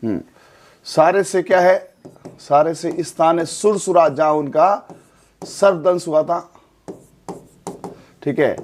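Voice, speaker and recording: Chatty man teaching with quick questions. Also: a little high, darkish tone, a little hiss or hum. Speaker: exam coaching teacher. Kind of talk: classroom lecture.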